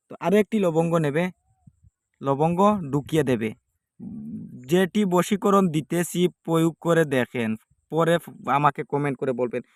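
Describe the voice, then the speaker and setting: A man with a fairly high voice talks through a home ritual one step at a time, pausing and circling back to repeat each instruction. There is no microphone, only the device's built-in one, and the sound is close and dry with almost no room echo. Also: a little mellow. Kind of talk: step-by-step spoken demonstration. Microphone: no microphone, device's built-in mic.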